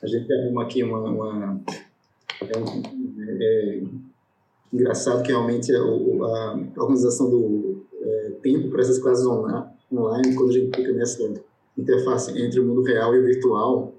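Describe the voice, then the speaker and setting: A man's voice: medium pitch, little pitch movement, normal speed, dark tone, a little hiss or hum. A man hosting an online panel, rambling casually with restarts and hesitations. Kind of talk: casual online video call discussion. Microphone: video call. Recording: echoey room on video call.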